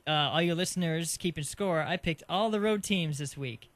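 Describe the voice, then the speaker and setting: A man from Arizona with a fairly high voice co-hosts a casual sports podcast. He is easygoing and laughs often as he chats. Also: normal speed. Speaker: podcast co-host. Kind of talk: casual sports picks chat.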